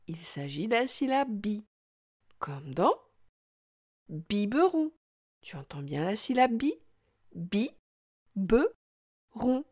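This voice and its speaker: This woman's voice sits fairly high and has a little mellowness. As a teacher running a scripted reading lesson for small children, she speaks slowly and patiently in a sing-song manner, exaggerating her pronunciation as she carefully sounds out each syllable.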